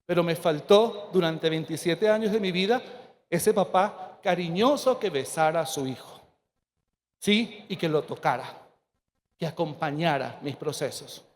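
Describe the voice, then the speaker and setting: A priest in his forties telling a personal testimony to an audience, earnest and emotional, with dramatic pauses. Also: high-pitched.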